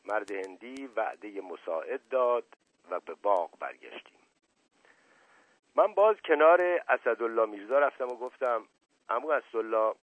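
A man reading a novel aloud on a radio program in a measured, expressive storytelling voice. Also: medium pitch, no room sound. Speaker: radio book reader. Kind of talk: literary audiobook reading. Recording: dull lo-fi radio recording.

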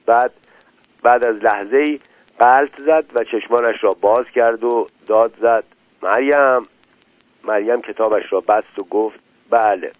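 A man calmly reading a short story aloud as narrator, in a measured way. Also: medium pitch, dry recording. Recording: tinny dry lo-fi radio recording.

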